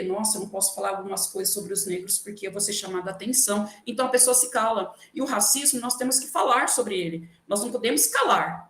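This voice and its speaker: A Brazilian woman teacher speaking on a video call, explaining patiently and with emphasis. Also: fairly high pitch. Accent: Brazilian Portuguese. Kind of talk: online workshop talk. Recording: echoey room.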